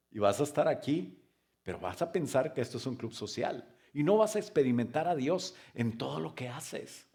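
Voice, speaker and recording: A man preaching a sermon as pastor, firing rhetorical questions and joking asides, now loud and emphatic, now quiet. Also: medium pitch. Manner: swings between loud emphatic stress and soft quiet stretches.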